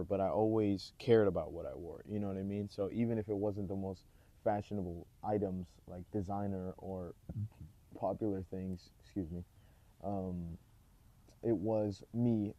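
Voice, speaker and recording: Young man, dark mellow tone, relaxed rambling vlog talk. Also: deep voice, dull audio. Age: 20s. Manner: relaxed, rambling, lots of fillers. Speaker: vlogger. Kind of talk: casual vlog intro. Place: outdoors, rain nearby.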